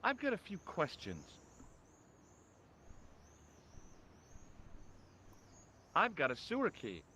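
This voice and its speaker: A man voicing a wry, curious young hero in a video game, questioning people with a lively delivery. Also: high-pitched, brisk, husky, full character voice.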